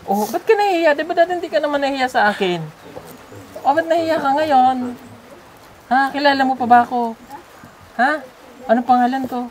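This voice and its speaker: A woman's voice: sits high, moderate pace, pauses often, a little hiss or hum. A woman vlogger chatting with a family at their home, coaxing and teasing with lots of questions. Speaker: vlogger visiting a sponsored child. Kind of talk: casual vlog chat.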